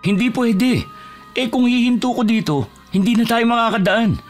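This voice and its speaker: A man's voice: fairly high pitch, expressive, moderate pace, faint music behind, close to an everyday voice. A young man acting as a cocky older brother driving in a storm, boastful, teasing and stubborn. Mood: determined. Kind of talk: horror audio drama acting.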